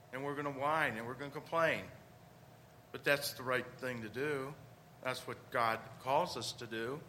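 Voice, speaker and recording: Man preaching a homily, bright voice. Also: fairly high pitch, slight background noise. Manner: conversational preaching with rhetorical questions.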